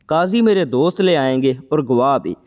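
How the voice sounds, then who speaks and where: A man's voice: on the high side, animated, darkish tone, natural voice. A man voicing a stubborn, pleading young suitor. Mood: insistent. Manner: insistent, begging. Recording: long reverb, faint music.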